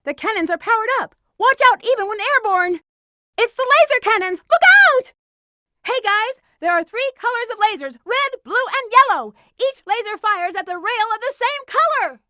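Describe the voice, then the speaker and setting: Rouge the Bat, very high-voiced sassy game heroine. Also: female voice, sharp tone, no echo, studio quality, full character voice. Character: flirty, cool-headed female bat treasure hunter, adult. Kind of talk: video game voice acting, short in-game hints and callouts.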